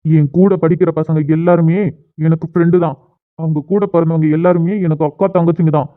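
A man's voice: fairly high pitch, little pitch movement, brisk, close to an everyday voice. A man voicing a bold schoolboy who stands up to a man and comforts an older sister figure, in a cartoon. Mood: defiant. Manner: defiant, reassuring to the sister. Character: defiant teenage schoolboy, bold leader. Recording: tinny phone-like audio.

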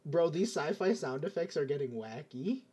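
A man's voice: a little high, very animated, moderate pace, crowd noise. A young man as game master of an online tabletop game, describing scenes in a rambling way with many restarts.

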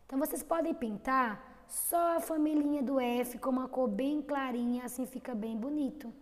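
A woman teaching young children in an online lesson, with a Brazilian accent, stretching out syllables slowly. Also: high-pitched, in a large hall. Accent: Brazilian Portuguese. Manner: slow, drawn-out syllables for children. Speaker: kindergarten teacher.

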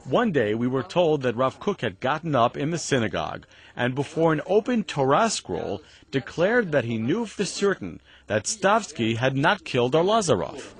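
An older man from near the Latvian border tells a story in an earnest documentary interview. His voice rises and falls with lively animation. He is recorded on a lapel mic in a museum exhibit room. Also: mid-range voice, moderate pace, few pauses. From Latvian border region.

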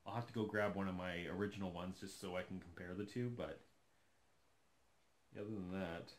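A man's voice: deep voice, steady tone, fairly quick. Chatty man unboxing a doll at home. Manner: chatty, enthusiastic, thinking aloud while handling a doll. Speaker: doll collector vlogger. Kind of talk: casual unboxing commentary. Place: living room, seated on a sofa.

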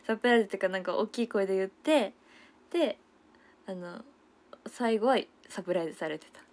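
A woman's voice: mid-range voice, a little fast, darkish tone. Giggly woman chatting on a livestream. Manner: chatty, giggly, reads out viewer comments. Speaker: idol livestreamer. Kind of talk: casual livestream chat.

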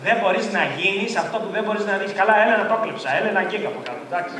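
A man giving a lively seminar talk as a tourism trainer, animated and rising to near-shouts as he acts out quotes. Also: high-pitched, noisy background. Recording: echoey hall from far off.

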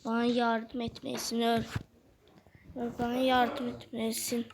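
A woman giving excited gameplay commentary straight to her viewers, yelping commands and sometimes dropping to hushed asides. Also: on the high side, a little slow, background noise. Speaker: gaming video host.

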